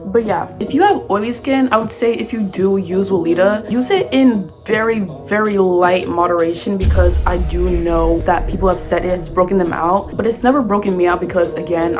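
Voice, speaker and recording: A young adult woman, tipsy and loosely rambling, chatting casually as a beauty vlogger through a makeup tutorial. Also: on the low side. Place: basement at home. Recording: music playing behind the voice. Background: music.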